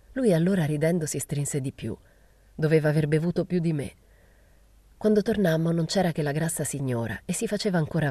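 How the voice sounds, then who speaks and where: Low, dark-voiced woman reading a novel. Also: dry recording. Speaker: reader.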